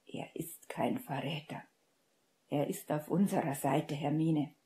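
A woman voicing a stern, calm male wizard teacher in a hushed, urgent whisper, as whispered role-play. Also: low-pitched, a little slow.

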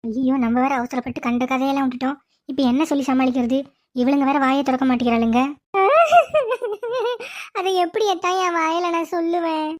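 A woman's voice: high voice, little pitch movement, fast talker, darkish tone, voice pushed down, lightly acted. A woman voicing a sly young snake-woman in human disguise in a cartoon, whispering plans to her friend. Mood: scheming. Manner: sly, fake-tearful. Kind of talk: cartoon voice acting.

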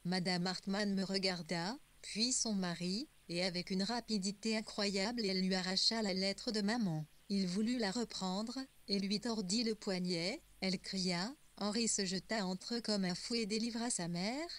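A woman reading a first-person novel as an audiobook, in a measured storytelling voice. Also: medium pitch, steady tone, a bit bright. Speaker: audiobook narrator. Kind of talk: first-person literary narration.

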